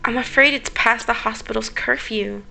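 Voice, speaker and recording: A woman reading the lines of a kind, modest male doctor in a visual novel, gentle and reassuring. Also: fairly high pitch, normal speed, creaky, soft background music, full character voice. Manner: gentle and reassuring, read aloud plainly.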